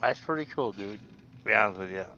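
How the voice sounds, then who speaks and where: A man's voice: on the low side, expressive, a little fast, sharp tone, a little hiss or hum. A man chatting casually in a laid-back way, often calling others "bro". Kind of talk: casual chat. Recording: dull lo-fi sound.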